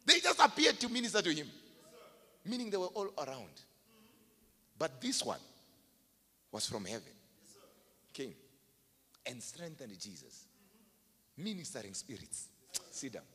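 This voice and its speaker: A man's voice: fairly high pitch, big pitch swings, unhurried, long pauses, pushed and bright. A man preaching a sermon to a congregation, emphatic and calling for their responses. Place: church hall. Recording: reverberant hall.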